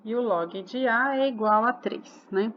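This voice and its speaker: A woman's voice: a little high, a little slow, lo-fi sound, slight background noise. A woman explaining a math exercise step by step, patient and asking rhetorical questions as she goes. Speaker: math teacher.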